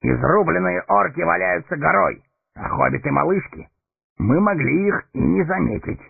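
A man voicing a proud, blunt male horse-lord captain in a gruff, gravelly, husky audiobook character voice. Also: a little high, expressive, moderate pace, pitched above the performer's own voice, heavily acted. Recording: tinny narrow-band recording, faint music.

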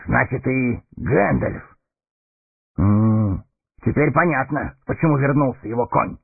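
A man voicing a proud, blunt male horse-lord captain in a gruff, gravelly, husky audiobook character voice. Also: mid-range voice, measured pace, voice pushed up. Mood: earnest. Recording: tinny narrow-band recording, faint music.

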